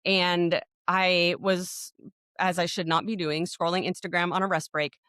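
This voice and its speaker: A woman's voice: on the low side, little pitch movement, measured pace, pushed and bright, clear, resonant tone, no room sound, clean studio sound. A woman, co-hosting a podcast, telling a story in a rambling way full of restarts and fillers. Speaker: podcast co-host. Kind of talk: casual podcast chat.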